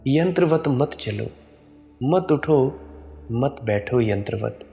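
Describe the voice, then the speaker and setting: A man giving a spiritual sermon in a slow, measured, admonishing way. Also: medium pitch, animated, creaky, dark tone, soft background music. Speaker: spiritual preacher.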